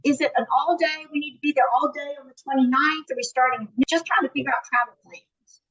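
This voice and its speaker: A woman's voice: sits high, fairly even intonation, fast talker, fairly bright tone, dry recording. A woman taking part in an online meeting, speaking casually over slightly dull, dry audio. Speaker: meeting participant. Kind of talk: casual chat.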